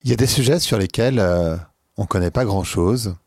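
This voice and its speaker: A man with a fairly low voice hosts a podcast. He speaks in a casual, conversational way as he introduces and questions a guest. The sound is dry, with very little room. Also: moderate pace, a little mellow, no echo. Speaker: podcast host. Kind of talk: casual spoken introduction and interview.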